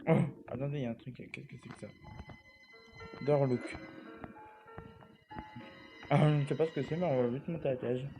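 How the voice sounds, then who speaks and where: A man's voice: mid-range voice, fairly even intonation, racing, hardly any pauses, music in the background. A young man casually commenting on a horror game as he plays, mumbling and swearing now and then while he eats. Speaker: gamer playing a horror game. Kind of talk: casual let's play commentary.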